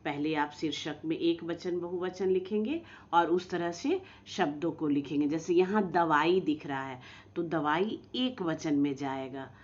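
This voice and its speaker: A woman's voice: sits low, darkish tone, muffled recording. A woman teacher giving a recorded lesson to young children, drawing out example words and coaxing them with questions. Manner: slow, drawn-out pronunciation of example words. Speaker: school teacher.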